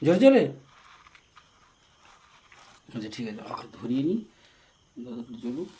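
A man's voice: mid-range voice, big pitch swings, very fast, mellow, slight background noise, rough recording. A man staging a ghost exorcism, asking questions and chanting repeated invocations. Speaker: video maker.

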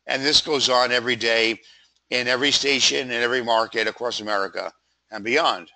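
A man with a froggy voice giving a conversational slide presentation as a sales pitch, informally stressing items in lists. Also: steady tone, brisk, sharp tone, rough recording. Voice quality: froggy, throat-clearing voice. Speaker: PR company presenter.

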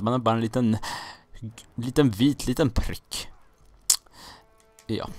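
A young man from Sweden casually commenting on his own gameplay, rambling, joking and getting confused, with some mild swearing. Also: mid-range voice. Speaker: gaming let's-player.

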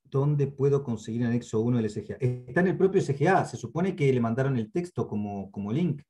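A man with a Uruguayan accent gives a patient online training lecture, repeating key points and often checking in with a quick "¿sí?". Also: mid-range voice, lively intonation, warm tone, soft background music. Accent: Uruguayan Spanish. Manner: checks in with frequent "¿sí?"; hesitant fillers and restarts. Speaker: instructor. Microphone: computer mic on a video call.

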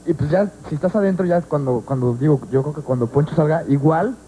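Hesitant young Mexican band member. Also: male voice, on the high side, a little fast, warm tone, a little hiss or hum, low-quality recording. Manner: hesitant, restarts, fillers. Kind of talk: talk show interview.

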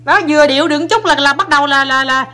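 Young mom, casual vlog; coaxes her kids with quick repeated commands, higher voice. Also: bright, forceful tone, soft background music. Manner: coaxing, playful, repeats short commands to children. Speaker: mother filming her young children. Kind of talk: casual family vlog, talking to viewers.

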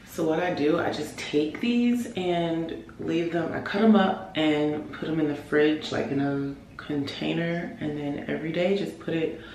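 A young woman vlogging casually at home about her wellness routine, relaxed and chatty with loose fillers. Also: deep voice, measured pace, few pauses, music in the background. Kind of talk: casual vlog chat. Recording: roomy echo, faint room ambience.

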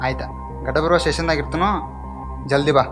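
A man's voice: on the high side, steady tone, a little fast, over music, close to an everyday voice. A young man with a North Karnataka Kannada accent, playing a friendly fellow heading to a village fair, in casual banter. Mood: relaxed. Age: young adult. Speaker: lead character in an amateur short film. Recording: loud film score under the dialogue.

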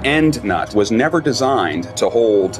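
A man's voice: mid-range voice, expressive, unhurried, very noisy. A man giving technical explanations as an expert in a documentary interview. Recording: loud music under interview. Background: loud music.

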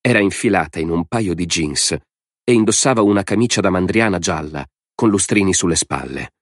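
A man reading an audiobook in a steady, measured narration. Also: sits low, dry recording, clean studio sound.

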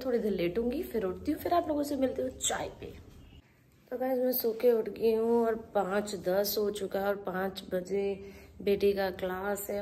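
A woman in her forties films a daily vlog on a phone held at arm's length, moving through the rooms and kitchen of her home while chatting directly to viewers and gesturing as she talks. Her voice is mid-range and a little mellow, with slight background noise.

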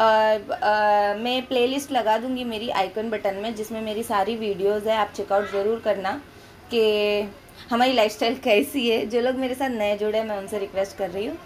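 A young woman from India giving a chatty, loud voice-over for her home family vlog. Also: on the high side, slight background noise. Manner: talks loudly and chattily to viewers. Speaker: family vlogger. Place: at home, indoors.

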